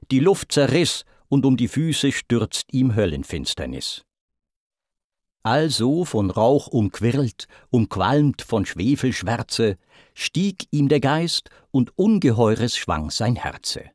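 A man narrating epic verse in a measured, theatrical recitation with swelling emphasis. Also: medium pitch, a little mellow, dry recording, studio quality. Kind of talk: dramatic reading of German epic verse.

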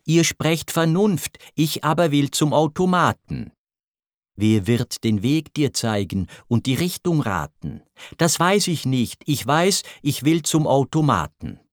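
Brief: man putting on proud jilted queen goddess, pleading verse lines, slow and deliberate. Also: on the high side, expressive, no echo, clean studio sound, pitched above the performer's own voice. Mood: stubborn. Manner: raised pleading verse recitation. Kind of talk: verse poem recitation.

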